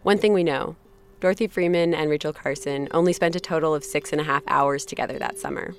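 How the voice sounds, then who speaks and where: A woman's voice: sits low, quick pace, a little hiss or hum. A woman hosting and narrating a story podcast in a conversational, reflective way. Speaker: podcast host. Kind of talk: scripted narration.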